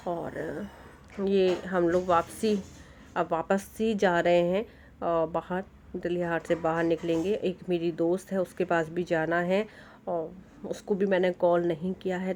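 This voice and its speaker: A woman's voice: fairly low pitch, a little mellow, a little hiss or hum. A woman vlogging outdoors at a market in the evening. She talks in a chatty, enthusiastic way into a handheld phone and sprinkles English words into her talk. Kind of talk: casual vlog narration.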